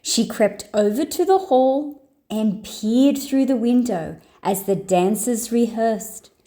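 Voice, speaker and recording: Pitched fairly high, a woman storyteller reads a children's picture book aloud with expressive, deliberate delivery.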